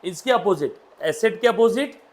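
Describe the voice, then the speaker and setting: A man's voice: high-pitched, lively intonation, normal speed. A man, teaching accountancy to a classroom and drilling students with questions. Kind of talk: classroom lecture.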